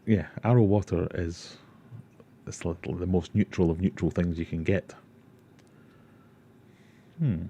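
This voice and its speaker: A Glaswegian man with a low, warm voice hosts an aquarium livestream, casually fielding chat questions and rambling with self-deprecating asides.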